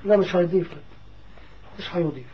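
Fast-talking Egyptian man, high voice. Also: lo-fi sound, slight background noise. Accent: Egyptian Arabic. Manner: emphatic, quick, repeats himself. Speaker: Quran reciter, guest. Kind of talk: casual chat and Quran recitation.

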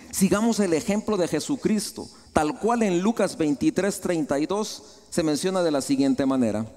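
A man with a Guatemalan Spanish accent preaching a sermon, rising high, then dropping to soft, low asides. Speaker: pastor. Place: large church hall. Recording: long hall reverb.

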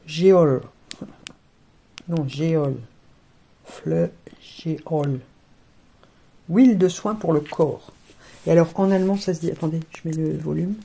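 This woman, a beauty vlogger, has a low, gravelly, warm voice and a brisk delivery. She talks casually while opening advent calendars, frequently tripping over words and saying them twice.

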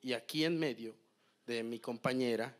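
A man in his thirties doing stand-up comedy, telling a story in a deadpan way, repeating phrases and then breaking into sudden loud bursts. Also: mid-range voice, normal speed. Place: comedy stage.

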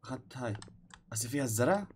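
A man's voice: medium pitch, lively intonation, racing, slight background noise. A young man doing playful, dramatic let's play commentary and joking about being scared. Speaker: gaming YouTuber.

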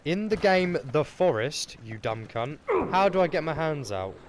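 A young man, chatting casually while playing a game, swearing a lot and breaking into excitable outbursts. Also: on the high side, normal speed, a little hiss or hum. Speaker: gaming host. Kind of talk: casual gameplay chat.

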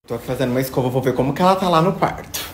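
A young Brazilian man, chatting on casual phone stories and coaxing a pet in a sweet, expressive voice, indoors at home. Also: medium pitch, rapid-fire, background noise. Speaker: influencer. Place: indoors at home, apartment rooms. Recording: echoey room.

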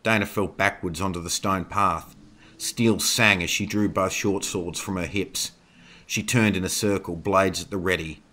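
A male narrator reads a horror story with a deep, low voice. His tone is bright and crisp despite the low pitch. His delivery is steady and measured. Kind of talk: scripted narration.

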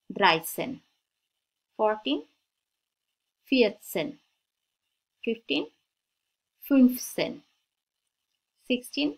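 Slow, deliberate woman teaching German. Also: fairly high pitch. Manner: repeats each word twice, slow and deliberate. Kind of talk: slow-paced language lesson.

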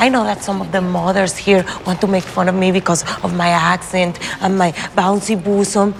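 A woman's voice: lowish voice, little pitch movement, normal speed, gravelly. A glamorous sitcom mother with a strong Spanish accent, speaking with easy confidence. She sounds a little back from the mic, with a faint hum of ambience behind her. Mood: confident. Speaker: sitcom character. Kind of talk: sitcom dialogue.

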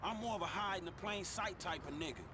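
A man's voice: high-pitched, a little fast, noisy background, lightly acted. An American man playing an irritable, skeptical young street hustler in a video game, slangy and full of swearing. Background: game music and vehicle sounds.

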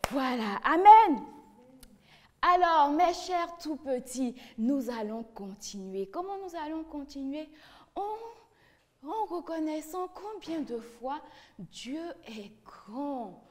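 A woman's voice: high voice, lively intonation, slow pace, big-room sound. A woman leading a children's church lesson with songs, coaxing and encouraging the little ones with questions. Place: church hall.

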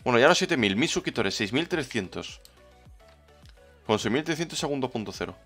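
Brief: man, Spain Spanish accent, playful game streamer reading his chat, middle pitch, faint music underneath. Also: expressive, a little fast, a bit bright. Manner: chatty, playful, greets viewers by name. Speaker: livestreamer. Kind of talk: casual livestream chat, reading the chat.

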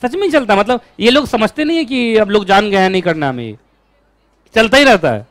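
A man teaching a law class, lecturing in an animated way and asking his students questions all the time. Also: sits high, a little fast, no echo.

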